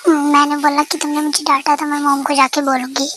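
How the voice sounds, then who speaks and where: A woman's voice: high-pitched, monotone, quick pace, sharp tone, slight background noise, low-quality recording. A woman voicing a sulky, childish young wife who talks back, in an amateur fan dub. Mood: pouty. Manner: pouty, defiant.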